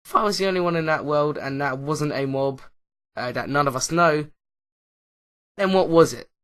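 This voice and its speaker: A man's fairly high, slightly bright voice comes through at normal speed as he talks over his Minecraft footage for YouTube. His casual commentary is hesitant and heavy with uh and um fillers, and he frequently drifts off mid-sentence.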